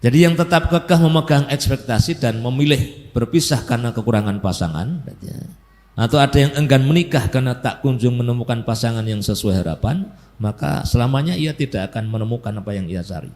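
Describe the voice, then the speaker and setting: A man's voice: medium pitch, expressive, fairly quick, a little mellow. A man giving a casual sermon, chatty and jokey, acting out little household scenes and ending each point with a filler tag. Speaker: Islamic preacher.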